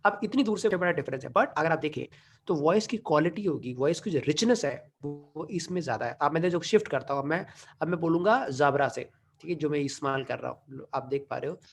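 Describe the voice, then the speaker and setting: A man running a live online class, explaining studio gear casually and checking in often with his students, heard through different mics and at times from far off. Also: on the high side. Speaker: online teaching trainer. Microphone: USB studio mic and headset mic in turn.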